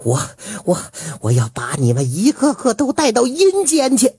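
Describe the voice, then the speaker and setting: A man voicing the ghost of a hanged woman, shrill, grieving and accusing, in a spoken folk tale. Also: huge pitch swings, moderate pace, darkish tone, husky, full character voice. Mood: anguished vengeful. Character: vengeful wailing female hanged ghost.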